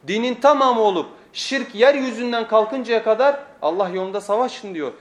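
Man, preacher, pulpit microphone, high-pitched, emphatic, repeats key phrases, rhetorical questions. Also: moderate pace. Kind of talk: weekly sermon lesson.

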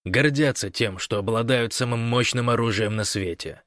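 A man voicing a sly, scheming man who feigns meekness, speaking soft and wheedling in an audiobook. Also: mid-range voice, moderate pace, dry recording, studio quality, natural voice. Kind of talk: audiobook character voice.

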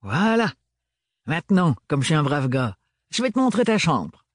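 A man's voice: a little high, sing-song, normal speed, no room sound, clean studio sound, voice pushed up. A man voicing a jovial, sly male servant with a chummy, teasing, slangy way of talking. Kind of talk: audiobook character voice.

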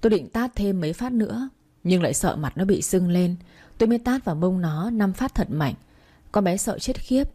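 A woman narrating a first-person story in a steady reading voice. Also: mid-range voice, normal speed.

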